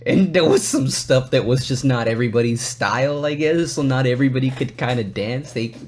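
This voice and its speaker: A man hosting a podcast, telling stories in a casual, profane, animated way. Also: medium pitch, brisk, slight background noise. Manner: profane, animated, acts out quotes. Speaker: podcast host. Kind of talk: casual storytelling.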